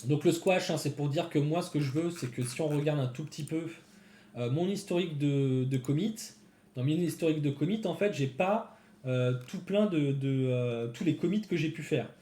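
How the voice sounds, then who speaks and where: A man with a fairly high, mellow voice talks his viewers through a live-coding session, thinking aloud and chatting as he goes. The sound is roomy, with a noticeable echo around him. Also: normal speed. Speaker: developer streaming a coding session. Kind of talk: casual live-coding commentary.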